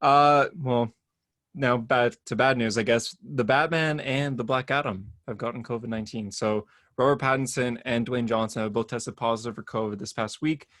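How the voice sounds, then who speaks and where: A man's voice: medium pitch, fairly even intonation, moderate pace, fairly bright tone, no room sound, clean studio sound. A man co-hosting a podcast, chatting casually about comic-book news, rambling a bit and laughing often. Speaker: podcast co-host.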